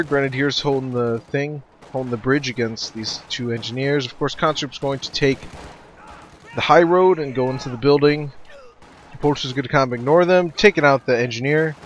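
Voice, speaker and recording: A man's voice: medium pitch, a little hiss or hum. A man casually commentating a strategy game replay, loose and rambling, swearing now and then.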